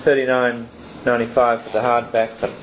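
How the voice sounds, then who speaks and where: A man chairing a book talk, casual and halting, with many fillers and restarts. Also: mid-range voice, little pitch movement, dull audio, slight background noise. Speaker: event chair. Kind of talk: casual hosting and Q&A. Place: lecture room with an audience.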